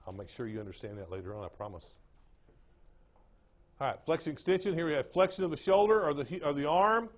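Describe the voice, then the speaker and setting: A fairly high-voiced man with an East Texas drawl gives a classroom lecture. He repeats each term and keeps asking the room whether it makes sense. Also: lively intonation, fast talker. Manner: drawling, repeats terms, checks understanding with the class. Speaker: anatomy lecturer.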